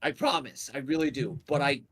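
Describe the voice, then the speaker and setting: A man's voice: mid-range voice, a little fast, a crowd in the background, close to an everyday voice. A man playing a seven-year-old imp who is meek, eager to please and evasive, stammering when pressed. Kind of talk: in-character tabletop role-play.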